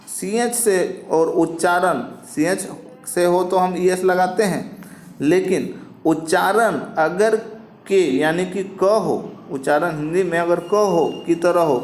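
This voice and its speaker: Man, teacher, high-pitched, repetitive quizzing delivery, echoey room. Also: a little mellow. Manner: repetitive, asks and answers himself. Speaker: English teacher. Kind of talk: classroom lecture with rhetorical questions.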